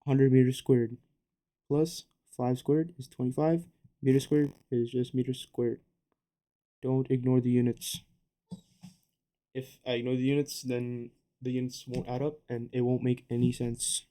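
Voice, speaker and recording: A young man giving a casual physics lesson at a board, relaxed, with joking asides and quick self-corrections. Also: mid-range voice. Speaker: physics tutor.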